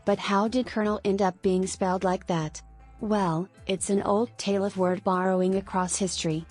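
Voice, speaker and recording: A woman giving a scripted explainer on tricky words, clear and lightly playful. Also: medium pitch, steady tone, moderate pace, a little mellow. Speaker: narrator. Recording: faint background music.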